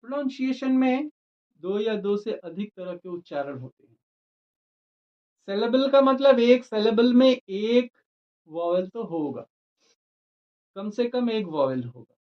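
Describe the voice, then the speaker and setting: Guy teaching grammar real slow, spells stuff out letter by letter, muffled lo-fi audio. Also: high-pitched, expressive. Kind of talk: explaining a grammar lesson. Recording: dull lo-fi recording.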